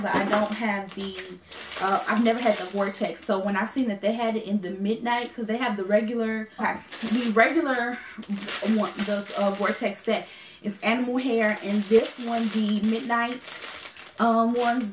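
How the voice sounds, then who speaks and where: There's background noise and echo as this woman, her pitch fairly high, talks casually about a makeup haul. A beauty vlogger with the hiccups, she rambles along, full of ums and self-corrections.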